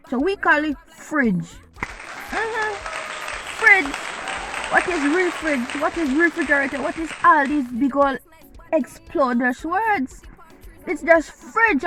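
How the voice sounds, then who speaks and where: A woman's voice: high-pitched, expressive, a little slow, over music, a crowd in the background, poor audio. A woman from Jamaica with a Jamaican accent, chatting playfully to camera and eating as she talks. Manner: playful, teasing, eating while talking. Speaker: vlogger. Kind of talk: casual chat to camera.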